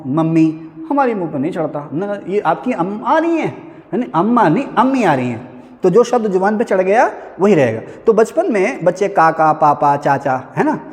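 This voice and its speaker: Male lecturer, high and animated delivery, chatty with students, echoing hall sound. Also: normal speed. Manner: chatty, addresses students as beta, frequent "hai na" asides. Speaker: civil services teacher. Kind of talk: classroom lecture.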